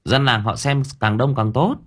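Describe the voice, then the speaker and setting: A man voicing a brash, sharp-tongued middle-aged woman exorcist who scolds in high, shrill exclamations in a storybook. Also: fairly even intonation, moderate pace, close to an everyday voice. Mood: bossy.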